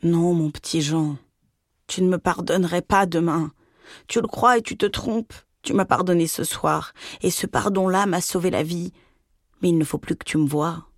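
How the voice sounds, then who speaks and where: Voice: medium pitch, normal speed, no echo, clean studio sound, close to an everyday voice. A reader voicing a middle-aged mother, weary and pleading in her shame. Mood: sorrowful.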